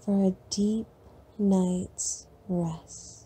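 Woman doing a sleep meditation, super slow, dark mellow voice, soothing. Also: medium pitch, fairly even intonation, breathy edge. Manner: slow, soft and soothing, long pauses. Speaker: meditation guide.

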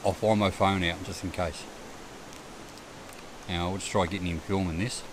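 A man's voice: low voice, fairly even intonation, normal speed. A middle-aged Australian man chatting casually to camera while camping and fishing on a riverbank at night. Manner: laid-back, chatty, self-amused. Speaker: outdoor vlogger. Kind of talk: casual camp narration. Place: riverbank campsite at night, outdoors. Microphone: camera mic at a distance. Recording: distant camera mic, outdoor night noise.

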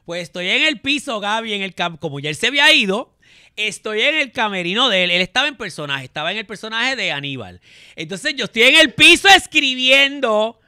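A Puerto Rican man hosts a studio podcast, talking in an animated, theatrical way. His pitch swings up and down freely. The studio sound is close and dry. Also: a little fast, clean tone, no echo. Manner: animated and theatrical, speaks of self in the feminine, acts out quotes. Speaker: podcast host. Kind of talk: casual chat, storytelling.

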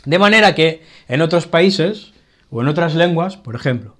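A man with a Spanish accent giving a casual grammar lesson, often pausing to check in with his learners. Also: fairly high pitch, lively intonation, fairly bright tone. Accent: Spanish from Spain. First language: Catalan. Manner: explanatory, checks in with frequent "vale". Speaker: Spanish teacher.

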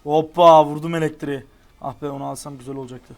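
A young man giving casual, excitable commentary while playing a racing game online. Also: mid-range voice, rapid-fire. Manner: excitable, exclaims at near misses. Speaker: gaming YouTuber.

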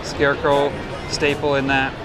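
A man's voice: mid-range voice, monotone, normal speed. A man giving an informal, off-the-cuff booth tour commentary from a convention hall, casually offering mild opinions as he goes. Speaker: collectibles video host. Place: convention hall show floor, indoors. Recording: loud music behind, busy convention hall. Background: loud music in a convention hall.

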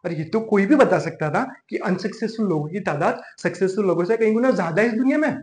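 High-voiced man in an exasperated comic rant. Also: fast, darkish tone. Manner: exasperated ranting, mixes English phrases in. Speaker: comic monologue performer. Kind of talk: scripted comic rant monologue. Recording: echoey room.

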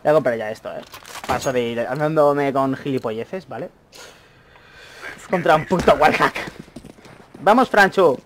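A young man commentating his own gameplay, chatty, with excited outbursts and muttered asides. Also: fairly high pitch, a little slow, pauses often. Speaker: gaming YouTuber. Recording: faint noise, mouse and keyboard clicks.

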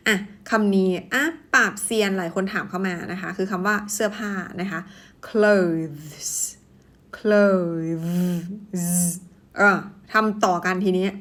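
A woman with a Thai accent teaching English pronunciation, playfully acting out wrong guesses and then saying each word slowly. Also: medium pitch, fairly bright tone. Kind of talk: pronunciation lesson.

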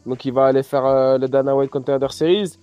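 A young man, an MMA fighter chatting casually in an interview, relaxed and full of fillers. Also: medium pitch, a little fast, clean tone, dry recording. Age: young adult. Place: outdoors by a pool. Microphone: lapel mic.

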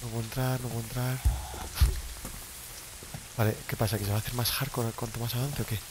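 A man with a Spain Spanish accent talks his way through a horror game for his stream, chatty and quick to swear. His voice sits at an ordinary middle pitch. Heavy rain noise pours behind him. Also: little pitch movement. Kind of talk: casual gameplay commentary.

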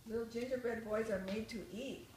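A woman's voice: a little high, fairly even intonation, a little fast, far from the mic, close to an everyday voice. An older woman voicing hungry farm workers in a storybook, calling out to the runaway. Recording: echoey room, faint noise.

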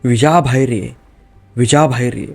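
Rich: A menacing ghost that has taken over a woman's body, put on by a male storyteller. She calls out slowly and loudly, taunting and threatening, in a plain, mid-pitched voice. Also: faint music behind, natural voice.

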